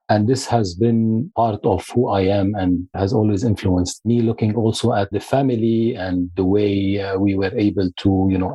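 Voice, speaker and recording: Low, warm-toned man from Lebanon. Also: husky, dry recording, low-quality recording. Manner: measured, storytelling, occasional restarts. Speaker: guest, consulting firm founder. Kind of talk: podcast interview.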